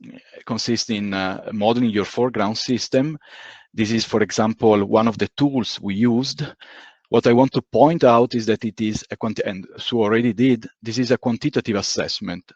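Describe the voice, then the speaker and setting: Brisk and darkish, with a voice on the low side, a man delivers a methodical, explanatory conference presentation over a recorded video call. The sound is dry and has the dull, lo-fi quality of online call audio.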